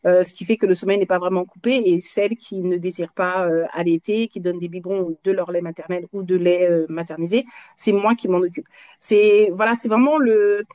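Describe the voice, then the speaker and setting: Halting woman in her fifties from Guadeloupe. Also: lowish voice, steady tone, a little mellow. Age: 50s. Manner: halting, searching for words between pauses. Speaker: guest, night nurse. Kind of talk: casual interview answers.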